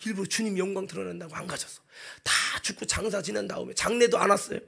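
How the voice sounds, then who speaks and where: A male pastor preaches in church, impassioned and chatty, shouting out his key lines. His voice is high, gravelly and husky. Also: fast talker. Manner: impassioned, shouting at peaks, colloquial asides. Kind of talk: sermon.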